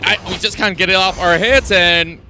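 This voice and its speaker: A man's voice: sits high, fairly even intonation, normal speed, bright, forceful tone, a little hiss or hum. A man working as an esports caster, narrating the match in running commentary.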